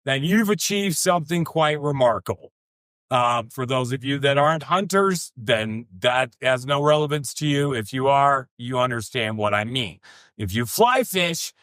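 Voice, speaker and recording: Slow, earnest middle-aged man telling a story. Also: mid-range voice, a bit bright, no room sound, clean studio sound. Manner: earnest, emphatic repetitions, slow deliberate pauses, occasional swearing. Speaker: podcast speaker. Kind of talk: personal storytelling monologue.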